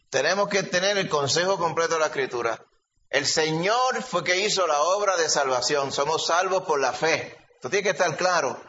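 A man preaching an animated sermon, telling stories and calling listeners brother. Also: on the high side, a little hiss or hum. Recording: dull lo-fi recording, faint ambience.

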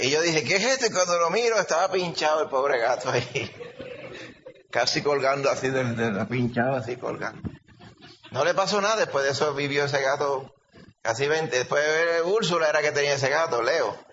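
A man preaching an animated sermon, telling stories and calling listeners brother. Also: on the high side, moderate pace, a little hiss or hum. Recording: dull lo-fi recording, faint ambience.

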